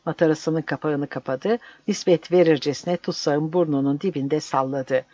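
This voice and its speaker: A man narrating a story in a steady, measured reading voice, on a dull, dry recording. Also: a little high, no echo.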